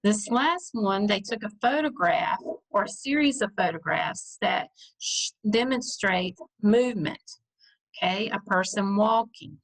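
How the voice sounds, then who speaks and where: Slow-speaking woman art teacher. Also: mid-range voice, animated, poor audio. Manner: patient, explanatory, talks in short added phrases. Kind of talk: classroom lesson explaining artworks.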